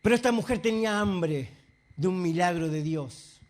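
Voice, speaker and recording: A male pastor, preaching a sermon with passion, dropping to soft asides and rising to outbursts. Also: high voice, animated, moderate pace. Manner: impassioned preaching, swinging between soft asides and raised outbursts.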